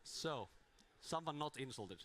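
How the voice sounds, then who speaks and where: A man with a somewhat high, slightly bright voice and lively intonation talks a little slowly into a handheld mic in a small room. His informal conference talk is self-deprecating and rambling, full of restarts, and his voice is strained from talking too much.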